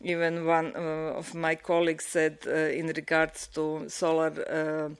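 Middle-aged woman, Croatian accent, panel speaker at a desk mic; smooth voice, flat hesitant delivery. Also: deep voice, measured pace. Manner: hesitant, many uh fillers and restarts. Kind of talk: panel discussion remarks. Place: conference room, seated at panel table. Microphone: desk microphone.

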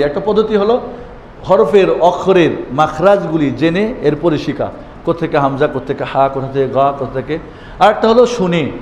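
A man's voice: a little high, a little mellow. A man teaching a classroom lesson on Arabic letters, chanting the letter names and asking rhetorical questions in a room with a board. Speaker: Quran teacher. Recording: echoey hall with faint background noise.

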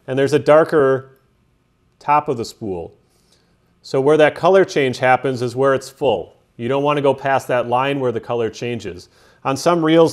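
A man calmly walking through a hands-on setup step by step, in a methodical, practical way. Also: mid-range voice. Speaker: fishing instructor. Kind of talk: step-by-step how-to narration. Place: workshop at a table.

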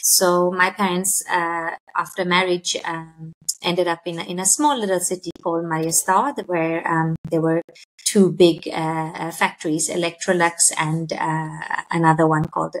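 A Swedish woman in her thirties with a fairly low voice is a guest on a video call interview, answering thoughtfully with lots of fillers. She sits indoors by a window, and her laptop or webcam mic delivers poor audio.

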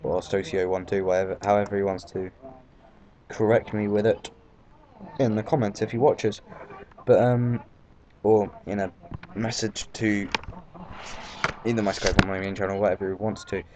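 A man's voice: on the low side, flat delivery, normal speed, pauses often, a little mellow. Rambling British guy narrating a game. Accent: British English. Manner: rambling, full of fillers and swearing. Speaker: let's play commentator. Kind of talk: casual gameplay commentary. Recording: dull lo-fi mic, faint background noise.

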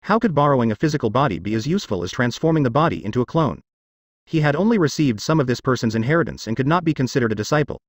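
A man narrating a fantasy audiobook in an even, steady reading. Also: medium pitch, very fast, no echo, clean studio sound.

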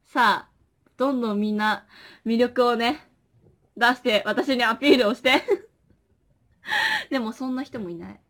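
A young woman hosting a casual livestream in a very high, bright voice. She talks playfully to her viewers and reacts to them with animated exclamations. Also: unhurried, long pauses. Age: young adult. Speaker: livestream host. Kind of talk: casual chat with viewers during a makeup stream. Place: small indoor room.

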